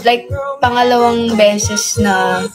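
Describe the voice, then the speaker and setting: A woman in casual chat, soft and reflective, dropping English phrases into her talk. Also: on the high side, steady tone, slow pace. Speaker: partner sharing her side. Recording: loud music behind the voice.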